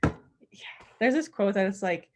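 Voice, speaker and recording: A woman's voice: medium pitch, lively intonation, a little slow. A woman in her twenties from Wyoming, a podcast guest talking reflectively in casual conversation. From Wyoming, USA. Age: 20s. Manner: reflective, soft-spoken, frequent "like" and "um".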